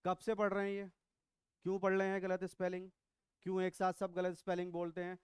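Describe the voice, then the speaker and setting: Middle-aged male biology teacher, high smooth voice, playful and quizzing. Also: completely flat delivery, fairly quick, no echo, studio quality. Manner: teasing, quizzing students, mixes English into Hindi. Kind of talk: classroom lecture. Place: classroom.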